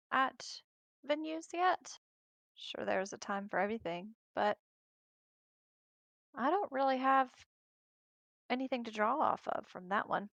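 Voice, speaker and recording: A woman speaking on a podcast call in a measured, plain way. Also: fairly high pitch, bright, forceful tone, no room sound. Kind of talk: casual podcast chat.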